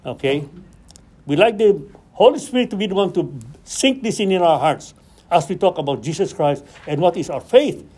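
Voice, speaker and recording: A man leads a Bible study in a high but mellow, dark-toned voice. He preaches, acting out the scripture dialogue and rising into questions. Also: expressive, normal speed, slightly rough.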